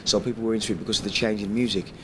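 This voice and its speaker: Racing through his words in a lowish, steady voice, an English man serving as guest DJ gives a casual interview at an airport. He rambles and often swears and laughs, and the location recording is noisy.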